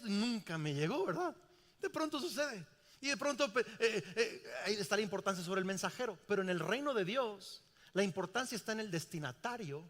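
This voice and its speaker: A man's voice: sits high, fairly bright tone. A middle-aged man, preaching a sermon emphatically and asking the congregation questions. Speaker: pastor. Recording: reverberant church hall.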